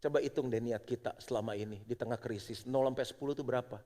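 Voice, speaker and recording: Animated preaching man, long hall reverb. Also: mid-range voice, fast. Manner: animated preaching, shifts between loud exhortation and hushed prayer. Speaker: pastor. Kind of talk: sermon. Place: church auditorium.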